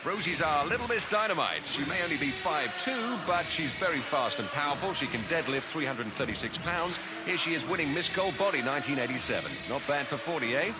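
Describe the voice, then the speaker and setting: A man's voice: on the high side, lively intonation, brisk, hardly any pauses. Male show announcer and commentator: dramatic, punchy, swooping delivery over prominent music. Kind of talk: booming show introductions and excited sports commentary.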